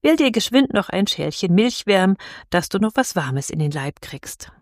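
Eine Frau spricht eine gutmütige alte Tante. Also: female voice, medium pitch, big pitch swings, normal speed, no room sound, studio quality. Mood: soothing. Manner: soothing, gentle. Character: kindly, good-natured old spinster aunt.

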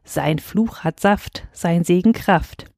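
Lady telling a rhyming bible story, warm mellow voice, dry close sound. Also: on the low side, takes it slowly, no echo.

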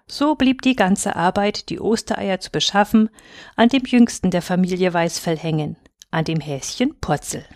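A woman narrating a fairy tale aloud in a measured, expressive storytelling manner. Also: on the low side, dry recording, studio quality.

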